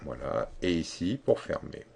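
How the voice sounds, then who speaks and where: A man giving a screen-recorded software tutorial, explaining step by step in a halting way with many fillers and restarts. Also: deep voice, big pitch swings, creaky. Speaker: tutorial instructor.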